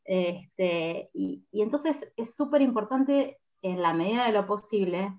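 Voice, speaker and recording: A woman's voice: medium pitch, animated, a little slow, darkish tone. A woman with an Argentine accent, a podcast guest, explaining ideas in a casual way and thinking aloud with fillers. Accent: Argentine Spanish. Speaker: podcast guest, communication speaker. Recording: slightly dull lo-fi audio.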